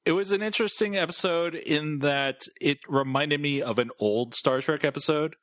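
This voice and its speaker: A man co-hosting a casual podcast chat, speaking haltingly as he searches for words. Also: fairly high pitch, a bit bright, dry recording. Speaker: podcast co-host.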